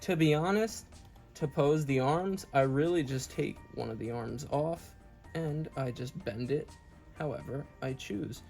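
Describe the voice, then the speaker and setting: Creaky-voiced man talking after wisdom teeth removal. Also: on the high side, a little slow, darkish tone, faint music behind. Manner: earnest, enthusiastic, repetitive. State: speaking while recovering from wisdom tooth removal. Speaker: toy reviewer and channel host. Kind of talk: casual hobby review chat.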